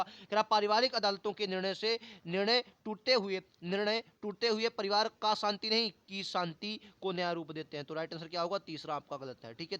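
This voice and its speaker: A man's voice: high voice, a bit bright, clean tone, no room sound. A man teaching Hindi for an exam, who asks questions and answers them himself, repeats key words, and calls his viewers brother and friends in a colloquial way. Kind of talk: online exam-prep lesson. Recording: dull lo-fi audio.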